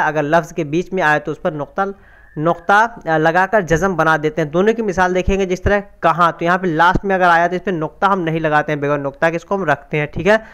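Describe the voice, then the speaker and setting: Smooth-voiced man teaching grammar. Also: fairly high pitch, a bit bright. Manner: explains step by step, asks and answers own questions. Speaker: Urdu language teacher. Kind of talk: exam prep grammar lesson.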